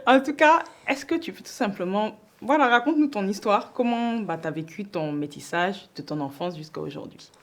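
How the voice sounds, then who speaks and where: A woman from Côte d'Ivoire hosting an interview, friendly and chatty, quick to laugh. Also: medium pitch, animated. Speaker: host. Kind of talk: casual interview conversation.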